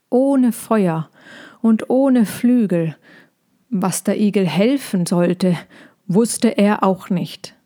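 A woman narrating a children's storybook in a calm, measured way. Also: mid-range voice. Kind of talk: storybook reading.

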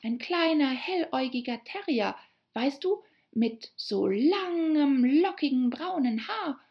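A woman's voice: on the high side, big pitch swings, a little slow, highs cut off, pitched above the performer's own voice. A woman voicing an eager, polite young girl who chatters on apologetically.

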